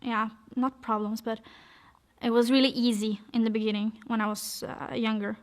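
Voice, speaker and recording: Young woman from Norway, personal testimony, hesitant and halting, fairly high voice with an even, flat contour. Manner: hesitant, many fillers and restarts. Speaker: vlog speaker telling her story.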